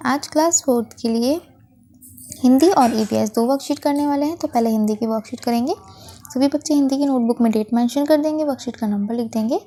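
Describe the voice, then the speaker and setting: A woman's voice: high-pitched, mellow, a little hiss or hum. A woman teacher, patiently explaining a worksheet lesson to children and correcting herself as she goes. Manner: patient, explains slowly, frequent self-corrections.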